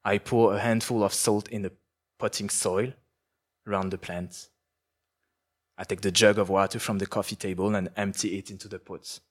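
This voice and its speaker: A man with a fairly low voice reads his own literary prose in a measured, poetic cadence. When he answers questions afterward, he turns halting and restarts his sentences. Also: little pitch movement. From France. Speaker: author. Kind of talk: literary reading and interview answers.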